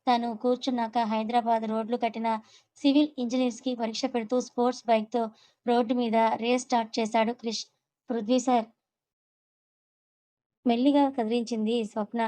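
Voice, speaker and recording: A woman narrating a serialized story in a conversational, even reading style. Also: a little high, quick pace, no echo, poor audio.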